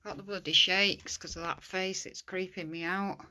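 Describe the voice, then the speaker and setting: Bright-voiced woman hunting ghosts at home. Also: on the low side, steady tone, normal speed. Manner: chatty, calls out loudly to spirits. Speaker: amateur ghost hunter. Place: stairs and landing of her house, indoors. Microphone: handheld phone.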